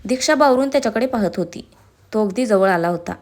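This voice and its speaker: A woman with a Marathi accent reading a dramatic story aloud, expressive in her narration. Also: medium pitch, fast talker.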